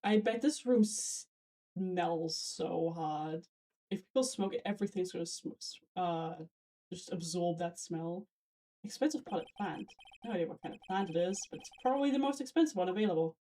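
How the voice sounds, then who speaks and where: Mellow-voiced woman, wry let's-play commentary, mic a bit far off. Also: fairly low pitch, moderate pace. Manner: chatty, wry asides with restarts. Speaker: co-host streamer. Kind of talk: let's-play commentary, reading game text aloud. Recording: slightly distant mic with faint game music.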